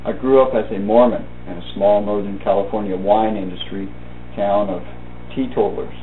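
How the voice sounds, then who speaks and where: A low-voiced man reads a personal essay aloud as a meditation for a thought-for-the-day video, keeping a steady tone at normal speed. The audio is tinny and band-limited, with roomy echo and a faint hum.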